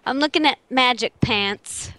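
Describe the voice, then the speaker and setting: A woman's voice: on the high side, unhurried, pushed and bright, poor audio. A woman in casual gaming chat, talking with a playful, girlish enthusiasm. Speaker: player in group game.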